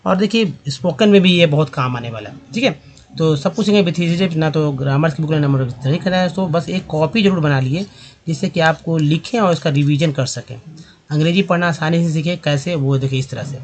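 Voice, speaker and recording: A man teaching English reading, slowly saying each word aloud and repeating it, speaking in a slightly higher voice. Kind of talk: language lesson explaining pronunciation.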